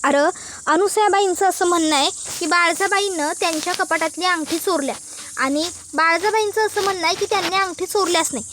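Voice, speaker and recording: Brief: woman voicing a pleading, reasoning young daughter-in-law, high-pitched. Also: a little fast, a bit bright, slight background noise.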